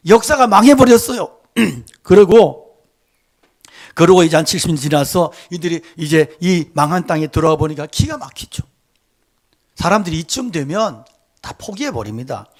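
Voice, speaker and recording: A man with a high voice preaches a Sunday sermon in church. He talks with the congregation in a conversational way and often turns quiet and intimate. Then he rises into loud, fervent exhortation. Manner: swings from quiet asides to loud emphatic exhortation. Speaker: pastor.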